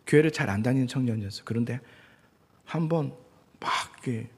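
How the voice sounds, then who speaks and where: A male pastor preaching a sermon in an animated way, acting out quoted speech. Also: mid-range voice, fairly quick, breathy edge. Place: church sanctuary. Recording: church hall reverb.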